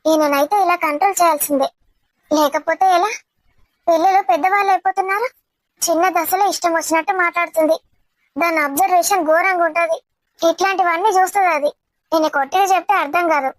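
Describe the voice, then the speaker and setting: A woman playing a very high, scolding housewife. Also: steady tone, quick pace, dry recording. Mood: muttering. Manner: scolding, firm. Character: stern housewife scolding her playful husband.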